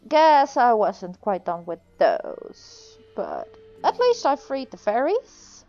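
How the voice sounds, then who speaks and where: Slow, lilting woman doing gameplay commentary. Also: on the high side, huge pitch swings, a little mellow, dull audio. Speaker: gamer commentator. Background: faint game music.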